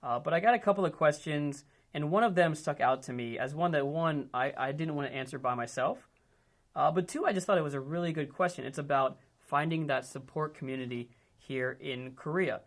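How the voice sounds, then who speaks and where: An upbeat man from Ohio hosts a relaxed indoor chat with friends. His voice sits a touch high, and he talks in a loose, chatty way, often restarting and tossing in fillers. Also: fairly quick. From United States, Ohio. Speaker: host. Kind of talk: casual group chat.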